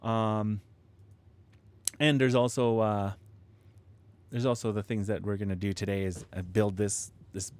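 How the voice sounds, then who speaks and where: A lowish, slightly mellow male voice, clear and resonant with no echo, speaks a little slowly in a level tone with long pauses. He hosts a home livestream building model kits, chatting casually and ramblingly with many restarts, fillers and frequent chuckles. A close studio mic gives proximity effect.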